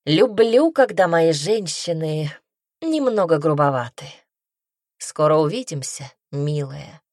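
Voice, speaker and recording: Smug fanged king, purring and slow, very low pitch, read by a woman. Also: big pitch swings, a little mellow, no room sound, studio quality, heavily acted. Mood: teasing. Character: smug seductive male king, fanged, commanding.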